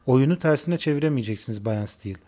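A man's voice: medium pitch, animated, quick pace, dark tone, natural voice. A man reading a teasing, commanding young lover. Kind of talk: audiobook character reading.

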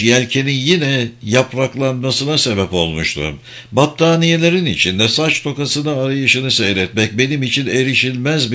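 With a mid-range voice, a male narrator performs a novel for an audiobook, unhurried and expressive as he tells the tale.

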